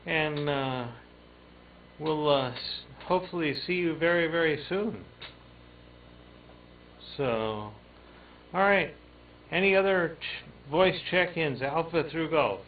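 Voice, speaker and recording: A man hosting an amateur radio net check-in, speaking haltingly with many fillers over tinny radio audio with faint static. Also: a little high, recorded from a distance. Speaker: net control host of a ham radio net.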